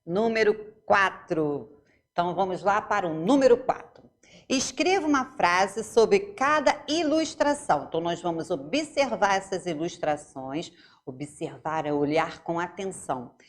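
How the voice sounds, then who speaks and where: A woman's voice: lowish voice, expressive, a little slow. A woman teacher with a Brazilian Portuguese accent, giving a remote lesson to young pupils, explaining step by step and asking checking questions.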